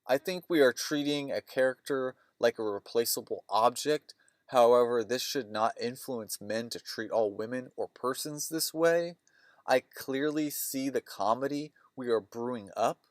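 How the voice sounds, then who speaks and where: A man's voice: medium pitch, a little slow, no room sound, studio quality. A man hosting a movie podcast, retelling scenes in a rambling, opinionated way. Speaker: podcast host.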